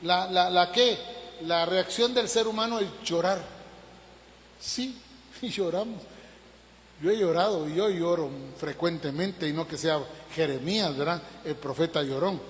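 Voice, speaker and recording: A male pastor delivers a sermon in a high, ringing voice. He preaches emphatically, throws out rhetorical questions and surges up in pitch. The sound carries a long reverb, as from a big church hall. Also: measured pace, slight background noise.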